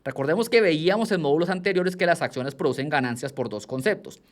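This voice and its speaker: A man's voice: fairly high pitch, animated, quick pace. A man teaching a screen-share lesson, patiently explaining and answering his own questions with emphasis. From outside the United States. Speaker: investing teacher.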